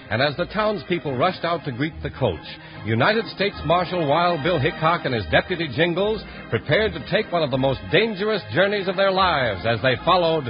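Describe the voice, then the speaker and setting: A man announcing and narrating a 1950s radio drama in a dramatic, declamatory way. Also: on the high side. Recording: muffled old radio broadcast. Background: music.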